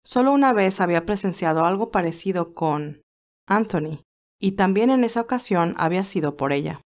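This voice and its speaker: A woman reads a scripted story aloud in Spanish, her lowish, darkish voice expressive and a touch fast. Classical music plays behind her as she tells the tale.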